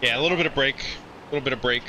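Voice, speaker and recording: A man's voice: mid-range voice, racing, a crowd in the background. A man giving casual, offhand commentary while playing a racing game, thinking aloud. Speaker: gamer playing a racing simulator. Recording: dull, slightly lo-fi sound.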